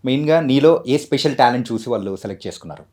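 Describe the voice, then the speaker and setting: A man's voice: mid-range voice, animated, racing, a little mellow. A man interviewing child actors in a casual, playful and encouraging way, mixing in English words.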